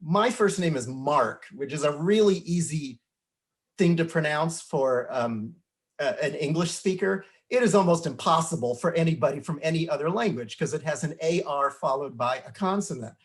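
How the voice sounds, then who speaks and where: A man's voice: a little high, expressive, moderate pace. An older man, a teacher of forty years, speaking earnestly and instructively in a panel discussion.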